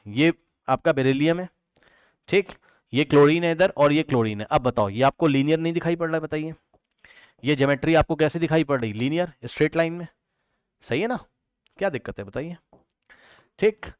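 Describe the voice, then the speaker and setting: A man with a fairly high, smooth voice lectures students on chemistry, posing questions, answering them himself, and repeating key terms. The recording is dry.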